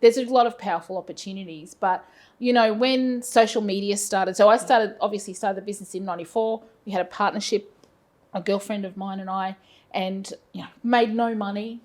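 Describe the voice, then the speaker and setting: An Australian woman in her fifties talks casually as an interview guest. She rambles, doubles back and pokes fun at herself, with lots of fillers. Her voice sits at an ordinary middle pitch. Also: fairly even intonation, brisk, a little mellow. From Brisbane, Australia. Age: 50s. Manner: rambling, self-deprecating, frequent fillers. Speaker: guest, business owner.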